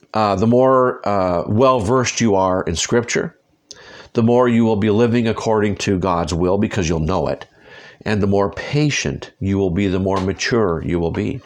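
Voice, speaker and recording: A man teaching a Bible study on his podcast, talking to listeners directly and conversationally. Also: lowish voice. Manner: conversational, direct, asks listeners to follow along. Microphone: podcasting microphone.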